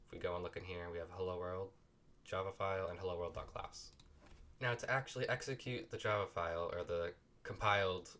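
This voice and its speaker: Steady in tone, fairly quick, and sharp, this low-voiced man sounds sick as he runs a coding tutorial at his home computer desk. He keeps it loose and apologetic, talking while he clicks through each step.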